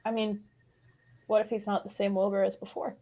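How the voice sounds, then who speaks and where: A woman voicing a soft, curious teenage boy. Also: mid-range voice, level tone, a little fast, phone-quality sound, voice pushed down, natural voice. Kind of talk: reading a fan script aloud on stream.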